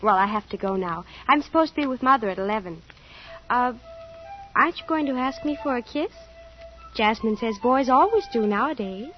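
A woman's voice: a little high, lively intonation, moderate pace, soft background music, natural voice. An actress playing a sheltered, naive rich teenage girl who talks in a prim, earnest, matter-of-fact way, in an old radio drama. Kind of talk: 1940s radio acting. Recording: muffled old radio recording.

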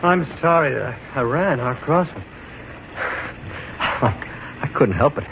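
An actor playing a nervous, apologetic rich novice trophy hunter in a 1950s radio drama. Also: male voice, mid-range voice, expressive, unhurried. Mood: shaken, apologetic. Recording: muffled, noisy old radio recording.

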